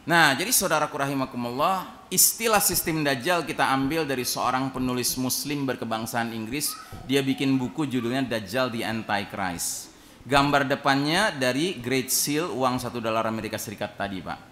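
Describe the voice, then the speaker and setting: A man's voice: medium pitch, moderate pace. A man preaching at a mosque, telling a story with animation and often turning to speak straight to the people listening. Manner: animated storytelling, acting out quoted voices; addresses listeners directly and often. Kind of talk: mosque sermon.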